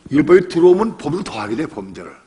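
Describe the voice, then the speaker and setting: A man's voice: fairly high pitch, big pitch swings, very fast, noisy background. Older male pastor preaching conversationally. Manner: conversational preaching with rhetorical questions and personal stories; emphatic, repeats phrases. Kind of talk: sermon.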